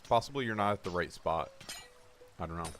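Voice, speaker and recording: A man with a deep, low voice streams a video game and talks to his chat in a relaxed, rambling way. A faint hiss of noise sits under his voice. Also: fairly quick. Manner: laid-back, rambling, chats to viewers while playing. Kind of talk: casual live-stream chat.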